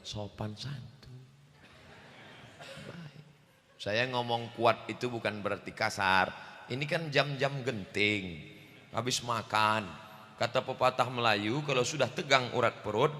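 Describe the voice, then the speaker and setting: A man preaching a humorous sermon in a loud, booming voice into a handheld microphone in a large mosque. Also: moderate pace, a little hiss or hum. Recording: echoey hall reverb.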